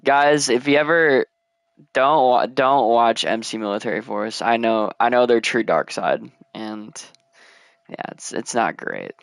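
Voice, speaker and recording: A man's voice: mid-range voice, a little slow, vocal fry, a bit bright, no echo, clean studio sound. A man chatting casually while playing a building game, rambling and mumbling counts under his breath. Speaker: gamer. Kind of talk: casual let's play commentary.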